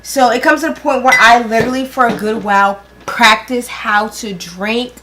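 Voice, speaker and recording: A woman's voice: fairly high pitch, moderate pace, background noise. A woman in her twenties, tipsy and giggly, chatting casually with blunt, teasing, swear-happy remarks while doing makeup. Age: 20s. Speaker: vlogger doing a makeup challenge.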